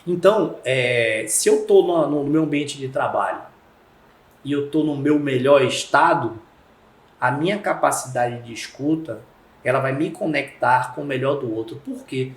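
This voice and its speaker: Man, Brazilian Portuguese accent, animated storyteller, mid-pitched voice, roomy echo. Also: unhurried. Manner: animated storyteller acting out quoted dialogue. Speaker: guest, communication speaker. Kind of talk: conversational podcast interview.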